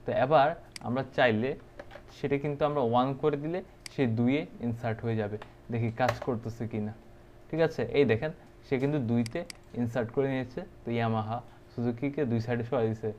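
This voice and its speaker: A man's voice: mid-range voice, darkish tone, muffled recording, a little hiss or hum. A man giving a casual programming tutorial, thinking aloud with many fillers and checks. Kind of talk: casual screen-recorded coding tutorial.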